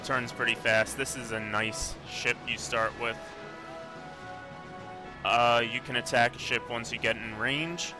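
A man's voice: medium pitch, steady tone, a little slow, music in the background. A man casually commenting on his own gameplay, rambling and correcting himself as he goes. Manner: rambling, self-correcting, offhand. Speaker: let's play commentator.

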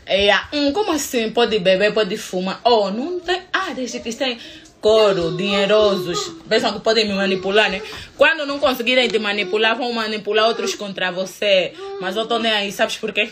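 A woman's voice: medium pitch, animated, normal speed, crowd noise. A woman from Angola with an Angolan Portuguese accent, ranting profanely to her vlog audience in a combative, mocking way and repeating her points. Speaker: vlogger. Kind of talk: angry profane rant to camera. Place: United States.

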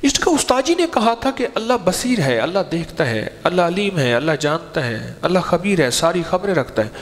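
A man's voice: high voice, big-room sound. A man preaching a sermon, telling a story and acting out what people in it say. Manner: animated storyteller, acts out quoted speech.

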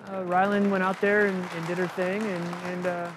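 A man's voice: high-pitched, flat delivery, moderate pace, crowd noise, background noise. A man, a pageant parent, speaking hesitantly with restarts and fillers.

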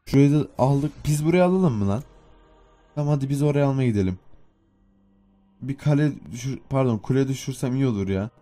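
Mellow-voiced young man commenting on gameplay. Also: medium pitch, a little fast, long pauses. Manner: chatty, self-mocking, muttering to himself while playing. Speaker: gaming YouTuber.

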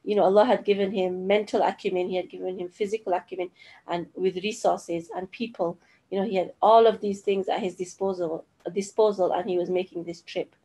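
A middle-aged woman leads a religious lesson over a video call. Her voice is gravelly and mellow, and she explains slowly, stopping and restarting often. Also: medium pitch, steady tone. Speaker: Quran teacher.

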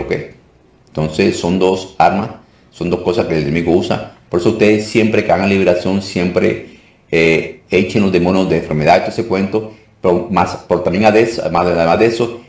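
A man's voice: low-pitched, darkish tone, echoey room. A man, a deliverance minister, giving an informal teaching talk for a course. He talks emphatically, repeats phrases for stress and keeps checking in with his listeners.

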